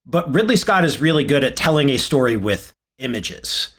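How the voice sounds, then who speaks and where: A man's voice: mid-range voice, big pitch swings, moderate pace, fairly bright tone, husky. Rambling man podcast co-host. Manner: rambling, many fillers and restarts. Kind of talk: casual chat.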